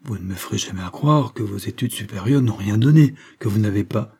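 Old male teacher, quavering and assured, pitched up and loud, played by a man reading. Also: brisk, vocal fry, husky. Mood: insistent. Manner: patronizing, then sneering.

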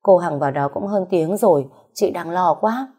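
A woman voicing a kindly friend who talks in a hurried, worried way. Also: lowish voice, dark tone, slightly rough.

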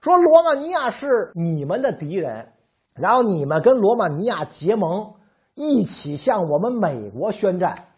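A man's voice: sits high, very animated, moderate pace, husky, full character voice. A man voicing a flustered young male office secretary on his first day, stammering and exasperated. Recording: slightly dull lo-fi recording.

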